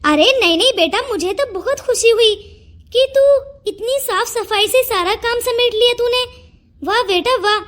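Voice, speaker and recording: A woman's voice: extremely high pitch, normal speed, a bit bright. A woman voicing a chatty older aunty in a cartoon story who showers fond praise. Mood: praising. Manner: effusive, fond.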